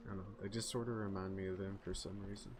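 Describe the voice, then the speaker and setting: Laid-back, low-voiced male streamer over loud game music. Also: level tone, racing. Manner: laid-back, reads quest text aloud. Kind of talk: casual gameplay commentary.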